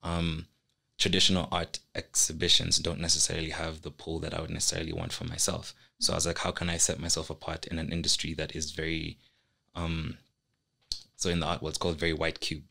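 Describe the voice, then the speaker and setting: A man's voice: very deep voice, fairly quick, vocal fry, bright, forceful tone. A young man speaking as a guest on a studio podcast, talking earnestly and reflectively about his work. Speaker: guest, artist. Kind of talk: casual podcast conversation. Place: small indoor podcast studio. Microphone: studio microphone on a stand.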